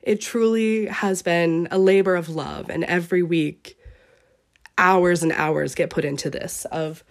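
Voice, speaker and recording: A young woman from eastern Canada hosts a heartfelt solo podcast farewell, speaking earnestly, gushingly and at length while rambling, and her voice sounds sick. She has a fairly low pitch, fairly even intonation and a measured pace.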